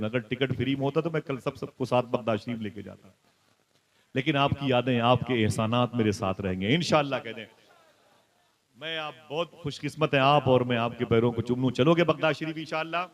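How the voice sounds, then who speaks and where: Man preaching a passionate, dramatic sermon. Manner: dramatic storytelling that swings from soft asides to loud, high exclaims; addresses the listeners directly with questions. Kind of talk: impassioned religious sermon.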